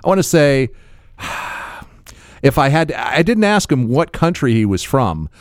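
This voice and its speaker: Animated, rambling male storyteller. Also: mid-range voice, unhurried, no echo, clean studio sound. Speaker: podcast co-host. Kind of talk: casual chat, storytelling.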